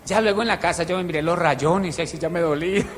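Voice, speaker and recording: Male preacher, high voice, animated with loud and quiet swings, humorous storyteller, hall reverb. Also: fast talker. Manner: tells stories with humor. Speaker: pastor. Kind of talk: sermon. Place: church hall with a congregation.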